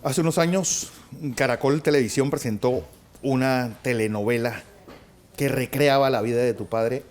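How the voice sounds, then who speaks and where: A man's voice: mid-range voice, moderate pace. A man interviewing a guest and asking direct questions. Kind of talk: news interview.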